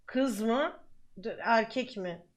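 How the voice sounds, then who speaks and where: Young woman streamer reacting, chatty and exclamatory, high voice. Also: takes it slowly. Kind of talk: live-stream reaction commentary.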